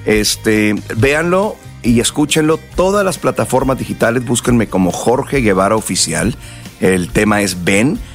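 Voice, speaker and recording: A Mexican man talks as a guest singer in a relaxed, rambling way, full of slang and restarts. He sounds hungover and worn out. Soft music plays faintly behind him. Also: mid-range voice, a little slow. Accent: Mexican Spanish. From northern Mexico and South Texas. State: hungover and tired. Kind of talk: casual radio interview.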